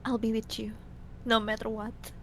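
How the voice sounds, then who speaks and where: Woman as quiet, fragile Abigail, faint noise. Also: flat delivery, normal speed, natural voice. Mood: tender, anxious. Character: Abigail, gentle loving young woman, fragile. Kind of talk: visual novel read aloud. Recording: noisy, low rumble behind.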